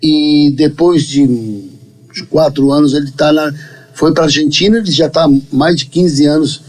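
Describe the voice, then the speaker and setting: Relaxed middle-aged male pastor. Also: on the high side, measured pace, poor audio. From Chile. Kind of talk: casual podcast conversation.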